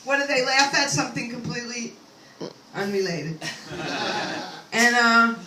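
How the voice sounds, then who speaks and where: An older woman performs a rambling, self-deprecating stand-up set on a comedy club stage, full of chatty asides to the crowd. Her fairly high voice is expressive, a little slow, and pushed and bright. The echoey room, distant mic, faint ambience, and slight hiss or hum color the recording.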